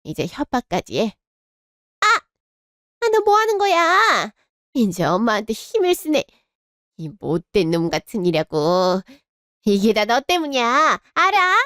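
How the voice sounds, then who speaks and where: A woman's voice: medium pitch, sing-song, unhurried, fairly bright tone, no echo, clean studio sound. A woman voicing a harsh, cruel older mother-in-law in a radio drama, scolding and contemptuous. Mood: shrill.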